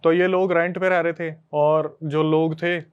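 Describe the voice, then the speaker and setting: A man hosting a podcast, telling a story to his friends in a casual, animated way. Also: a little high, measured pace, clean tone, phone-quality sound. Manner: animated, conversational retelling to friends.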